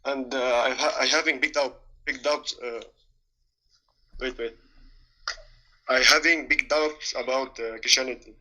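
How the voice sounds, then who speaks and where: A young man from Lebanon calls in to a live show over an internet call. His voice is very bright and sharp, and he talks in a halting, stumbling way. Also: medium pitch, fairly even intonation. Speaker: caller. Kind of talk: phone-in call. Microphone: calling in over Skype.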